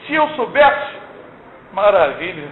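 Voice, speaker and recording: A man's voice: sits high, big pitch swings, slow. An older man giving an earnest, exhorting church testimony, often asking "não é?". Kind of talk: sermon-like testimony. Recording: tinny lo-fi recording in echoey room, faint hiss.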